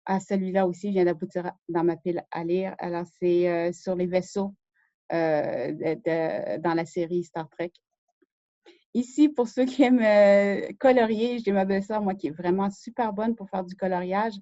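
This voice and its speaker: Woman walking folks thru her online research, lots of ums and restarts, mellow tone, kinda dull lo-fi dry sound. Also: fairly low pitch, fairly even intonation, normal speed, dry recording. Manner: hesitant, many fillers and self-corrections. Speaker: show host. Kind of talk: screen-share research tutorial.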